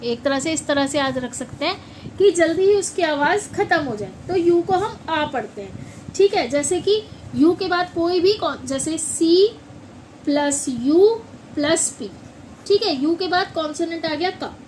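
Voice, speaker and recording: A woman teaching English pronunciation in a classroom style, repeating words slowly and asking questions back. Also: very high voice, expressive, darkish tone, slight background noise, low-quality recording.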